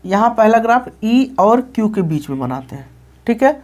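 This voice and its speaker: A man teaches a physics lesson in a rather high voice. He talks straight to his students, asking a question and then answering it himself. He repeats key phrases and keeps checking that they follow. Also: big pitch swings, moderate pace, a little mellow. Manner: calls the students "children" and checks "okay?" often. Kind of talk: classroom lecture explaining graphs.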